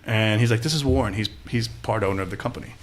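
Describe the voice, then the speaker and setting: A man's voice: on the low side, fast talker. A man from Austin, Texas, a podcast guest telling stories in a casual interview and acting out the people he quotes. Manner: animated storyteller who acts out quoted people.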